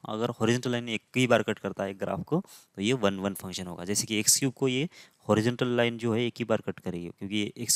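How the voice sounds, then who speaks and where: A man's voice: medium pitch, clear, resonant tone, no echo. A male math teacher giving a conversational whiteboard lecture, often stopping to check that students follow.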